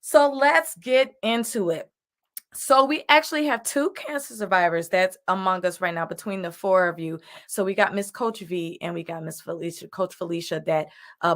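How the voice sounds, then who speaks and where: An upbeat woman in her late thirties hosts a live video chat, quick to cheer her guests on. Her voice sits at an ordinary middle pitch for a woman, and she talks in a casual, encouraging way. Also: a bit bright. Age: 30s. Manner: upbeat, affirming, repeats "I love it". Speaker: host.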